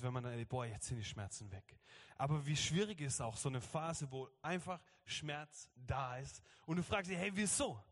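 A man in his thirties preaching a lively sermon as pastor, often acting out other people's voices. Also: mid-range voice. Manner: lively, acts out quoted voices. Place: church hall. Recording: long hall reverb.

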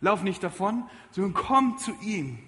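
A man delivers an animated sermon, pressing his points hard and then dropping to a hushed appeal. His voice sits high for a man. The sound carries a long reverb from a church hall. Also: a little slow. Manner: lively, emphatic preaching with shifts from loud to quiet. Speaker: pastor. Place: church service.

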